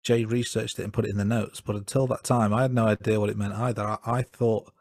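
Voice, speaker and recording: A man's voice: on the low side, flat delivery, fast, darkish tone, no room sound, studio quality. A man co-hosting a film podcast, wry and self-deprecating, with frequent ums. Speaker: podcast co-host. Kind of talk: casual film review chat.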